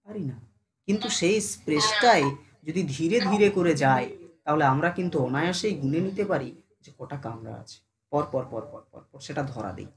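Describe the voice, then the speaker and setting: A teacher giving a casual online class who speaks familiarly to the students, keeps asking if they follow, and slows down to sound out syllables one by one. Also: medium pitch, expressive, a crowd in the background. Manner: addresses students familiarly, asks them constant check questions.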